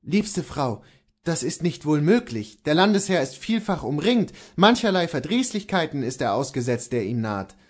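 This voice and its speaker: A man voicing an earnest horse dealer in a classic story, speaking to his wife in a measured, gently persuasive way. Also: fairly high pitch, big pitch swings, voice pushed up. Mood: firm. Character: earnest horse dealer husband, steadfast and tender.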